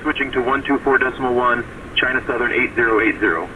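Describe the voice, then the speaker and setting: A man's voice: medium pitch, fast talker. A man speaking as an airline pilot, giving clipped read-backs over the radio. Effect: radio transmission. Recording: very noisy aircraft radio.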